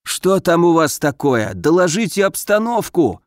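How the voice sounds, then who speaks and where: A male audiobook reader voicing a gruff commander whose rasping voice comes through an earpiece radio. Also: fairly high pitch, very animated, unhurried, no room sound, clean studio sound, voice pushed up. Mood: urgent. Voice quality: wheezy, rasping. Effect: voice crackling through an earpiece radio. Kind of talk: audiobook narration acting out a character.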